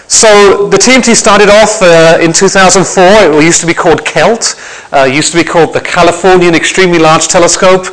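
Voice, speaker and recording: A visiting lecturer with a high, fairly bright voice speaks briskly and with fairly even intonation. He gives an academic presentation to an audience in a lecture hall, talking conversationally but often restarting and repeating words.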